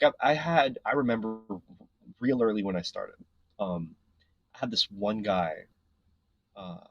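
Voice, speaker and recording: Husky, animated male podcast guest. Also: on the low side, no echo, poor audio. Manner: animated, filler-heavy, frequent "right?". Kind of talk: casual storytelling.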